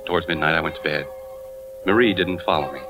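Low-pitched and quick, this American actor's voice sounds close to everyday speech. In a 1940s radio drama, he's a suspicious, tormented husband and insurance investigator telling his tale in tense, brooding first-person suspense narration, captured on a dull old radio recording with music.

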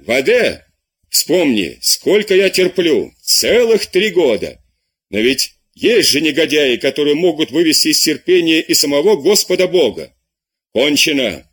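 A man voicing an angry older abbé who scolds his lazy pupil in loud, indignant tirades, with a husky voice. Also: on the high side, exaggerated voice. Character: furious older male abbé tutor, scolding.

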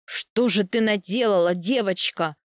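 A woman voicing a gruff giant bearlike man. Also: mid-range voice, normal speed, no echo, clean studio sound, close to an everyday voice. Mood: scolding. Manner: roaring, scolding. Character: huge bearlike man, gruff loyal protector.

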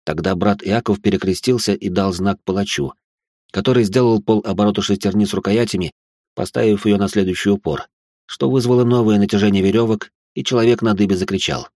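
Calm low-voiced male audiobook narrator. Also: a little fast, no room sound, clean studio sound.

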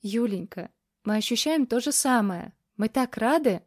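A woman's voice: on the high side, expressive, normal speed, a little mellow, dry recording, studio quality. Woman doing an emotional grandmother. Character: tearful loving grandmother in a wheelchair.

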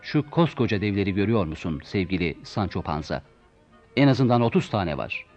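A man voicing a grandiose, deluded old knight who declaims loudly. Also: low-pitched, very animated, fairly quick. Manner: bombastic, declaiming, shouting. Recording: dull lo-fi recording with soft music.

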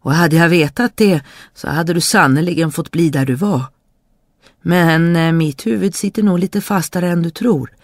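A narrator voicing a quick-witted young schoolboy in a storybook reading, answering with cheeky retorts. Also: mid-range voice, no echo, studio quality, lightly acted. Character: clever young schoolboy woodcutter's son.

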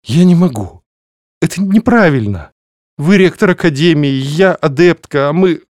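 In an audiobook reading, a man voices an anxious young female student who pleads and sounds upset, pitching his natural voice above his own to a fairly high level. The delivery is expressive, moderately paced, and a little mellow, recorded at studio quality with no room sound.

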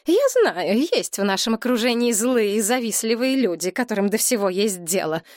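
A woman's voice: mid-range voice, animated, normal speed, dry recording, clean studio sound, voice pushed up, natural voice. A woman voicing an anxious, easily upset widowed mother who pleads shrilly and emotionally in an audiobook. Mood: flustered. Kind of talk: audiobook character reading.

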